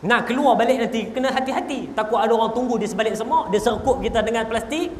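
High-voiced Malaysian preacher in an echoey hall. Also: male voice, quick pace, a little hiss or hum. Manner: joking, storytelling, addresses audience directly. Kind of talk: humorous religious lecture. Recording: echoey hall with long reverb.

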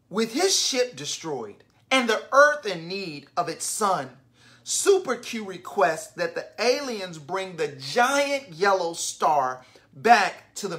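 A man reading a picture book aloud to children online, animated and stopping often to ask the young listeners questions. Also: high voice.

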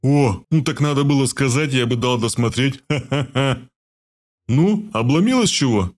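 A man voicing a big, bearded, blunt and mocking comrade in an audiobook with a rough, teasing delivery. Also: medium pitch, expressive, moderate pace, a little mellow, natural voice.

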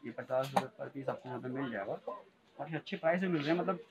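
A man's voice: mid-range voice, fast talker, highs cut off, heavy background noise. A man vlogging from a toy shop, casually repeating prices back to his viewers. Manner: echoes each price back, chatty asides to viewers. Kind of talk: casual market vlog, repeating prices to camera. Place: busy wholesale market shop, indoors.

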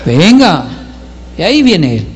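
A man doing stand-up storytelling, animated and self-mocking, acting out the voices of his family. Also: high-pitched, a little fast, big-room sound, slight background noise. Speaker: comedian.

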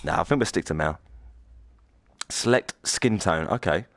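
A man's voice: sits low, lively intonation, moderate pace, fairly bright tone, no echo, studio quality. A man giving chatty, joking live commentary while streaming a horror game. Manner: chatty, joking, reads game lines aloud. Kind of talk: live let's-play commentary.

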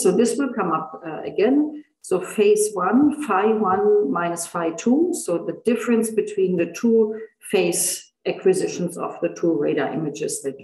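A man lecturing on radar imaging in a halting, informal way, full of fillers and restarts, his voice tired. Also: high voice, darkish tone, roomy sound, poor audio. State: tired voice, throat clearing. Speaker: university lecturer.

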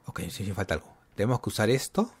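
A man's voice: on the low side, very animated, fast, a little hiss or hum. A man giving casual gameplay commentary, talking to himself and getting jumpy and scared as he plays. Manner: jumpy, talks to himself while playing.

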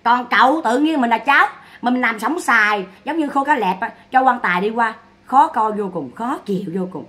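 Woman ranting gossip, bright and a bit high, mocking. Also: animated, normal speed. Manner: scolding, mocking, repetitive. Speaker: online commentator. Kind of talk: casual gossip commentary.

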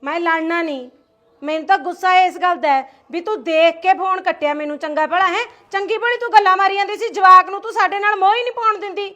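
ਇੱਕ ਔਰਤ ਨਾਰਾਜ਼ ਨਨਾਣ ਦਾ ਕਿਰਦਾਰ ਨਿਭਾ ਰਹੀ ਹੈ, ਪੰਜਾਬੀ ਲਹਿਜੇ ਵਿੱਚ ਤਨਜ਼ ਭਰੇ ਸਵਾਲਾਂ ਨਾਲ।. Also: female voice, very high voice, moderate pace, fairly bright tone, muffled recording. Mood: angry. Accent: Punjabi. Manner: sarcastic, aggrieved, tag-questions. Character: resentful sister-in-law, grown woman, touchy. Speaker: husband's sister. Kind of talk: homemade family skit.

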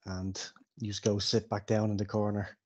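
A man runs a tabletop game, narrating in a loose, casual way. He laughs often and swears freely. His voice is slightly breathy. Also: lowish voice, monotone, moderate pace. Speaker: game master.

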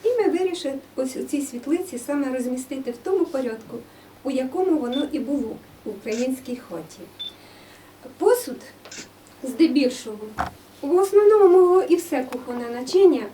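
High-voiced museum guide, recorded from afar. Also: female voice, moderate pace, slight background noise. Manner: steady, explanatory, with occasional fillers. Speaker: museum staff member. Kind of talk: guided talk about exhibits. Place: indoor museum room. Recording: distant room microphone.

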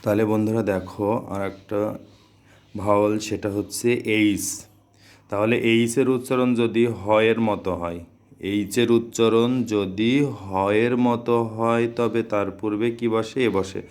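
A young man teaches a grammar lesson in a low, slow voice. His pitch barely moves, and he repeats each rule, asks his students a question, then answers it himself. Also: steady tone, a little mellow.

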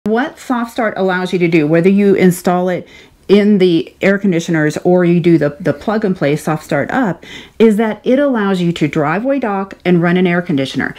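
A woman's voice: lowish voice, moderate pace, a little mellow. A woman in her fifties co-hosting an RV vlog, chatting in an upbeat, enthusiastic way from inside an RV kitchen on a lapel mic. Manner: upbeat, enthusiastic, laughs often. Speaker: RV vlogger co-host. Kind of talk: casual explainer chat.

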